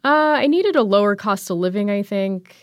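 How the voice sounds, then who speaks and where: A woman's voice: mid-range voice, expressive, moderate pace, clean tone, no echo, clean studio sound. A woman in her thirties from the United States, chatting casually as an interview guest, rambling with many fillers and restarts. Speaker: guest, graphic designer.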